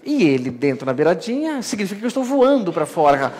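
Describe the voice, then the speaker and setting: A Brazilian man giving a spiritist lecture as an animated story, acting out the dialogue. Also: high voice, fast talker, a little hiss or hum. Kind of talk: storytelling sermon. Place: spiritist center hall. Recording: hall with long reverb.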